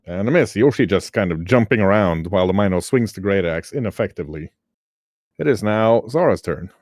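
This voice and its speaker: A man running a tabletop game as game master, narrating turns in a relaxed, wry, chatty way. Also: on the low side, brisk, no echo.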